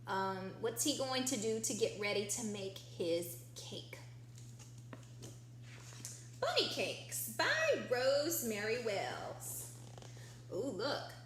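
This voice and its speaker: An early-years teacher reads a picture book aloud to young children, explaining things simply and asking prompting questions. Her voice is fairly high, pushed, and bright. The room is echoey, with a faint hum in the background.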